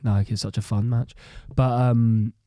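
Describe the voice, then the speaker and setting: A man co-hosts a podcast with a mellow, relaxed tone. He gets excitable, laughs often and acts out his reactions, all on a dry, close mic. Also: mid-range voice, a little slow, no echo. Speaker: podcast co-host. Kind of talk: casual chat.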